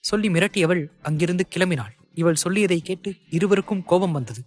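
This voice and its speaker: A man narrating an audio novel in a steady, measured storytelling manner. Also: sits high, dry recording.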